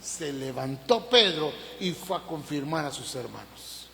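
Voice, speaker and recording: A male pastor delivers a sermon in a high, ringing voice. He preaches emphatically, throws out rhetorical questions and surges up in pitch. The sound carries a long reverb, as from a big church hall. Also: expressive, a little slow, gravelly, a bit bright, slight background noise.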